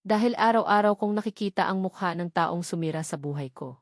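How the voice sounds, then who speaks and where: A woman's voice: fairly low pitch, a little fast, no room sound, studio quality, close to an everyday voice. A woman reading the lines of a harsh, resentful middle-aged stepfather in a family drama story, in a bitter, accusing way.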